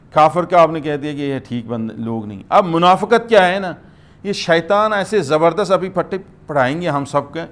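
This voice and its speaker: Emphatic man giving a Quran lecture. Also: fairly high pitch. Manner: emphatic, asks "hm?" and "theek hai" to the listeners. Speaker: mufti giving Quran commentary. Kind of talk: lecture-style Quran commentary to a gathering.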